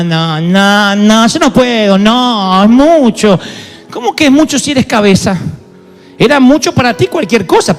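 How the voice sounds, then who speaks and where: Animated preacher in a reverberant hall. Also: male voice, sits high. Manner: animated preaching, acts out quoted voices. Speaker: pastor. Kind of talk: sermon.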